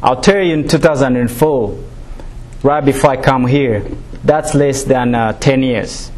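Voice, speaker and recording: Slow, halting man. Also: mid-range voice, darkish tone, a little hiss or hum. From Rwanda. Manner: halting, many fillers and restarts. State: nervous. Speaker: student speaker. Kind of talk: personal testimony speech.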